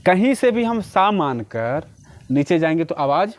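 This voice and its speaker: A man's voice: a little high, very animated, unhurried. A man giving a one-on-one harmonium lesson, patiently explaining and checking that the student follows. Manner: sings short phrases to demonstrate notes. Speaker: music teacher.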